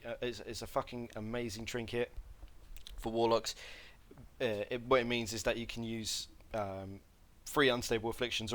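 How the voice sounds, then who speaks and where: A man giving a casual gameplay tutorial, rambling and correcting himself with lots of fillers, with a slight cough. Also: lowish voice. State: coughing, slight throat irritation. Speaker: game guide presenter.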